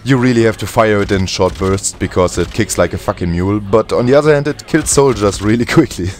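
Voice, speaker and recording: A man's voice: on the low side, brisk. A man giving informal, sweary commentary on a video game as a let's play host. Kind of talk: casual gameplay commentary. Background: game music.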